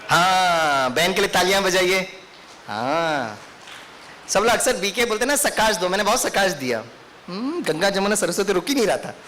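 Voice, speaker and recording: A man's voice: high voice, expressive, normal speed, pushed and bright. A man with an Indian accent giving a lecture to teachers in training, telling a story and putting questions to his audience. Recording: faint hiss.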